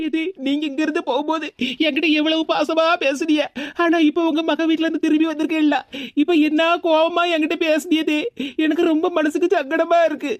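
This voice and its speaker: A woman's voice: high-pitched, flat delivery, fairly quick, dry recording, pitched below the performer's own voice, close to an everyday voice. A woman voicing a put-upon young daughter-in-law in a cartoon, grumbling to herself. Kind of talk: cartoon voice acting.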